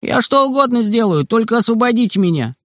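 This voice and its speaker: A man's voice: very animated, a little fast, a bit bright, no room sound, studio quality, full character voice. A man reading a storybook, voicing a boy stuck behind a fence who whines and pleads impatiently. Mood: whiny. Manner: whiny, pleading, high-pitched.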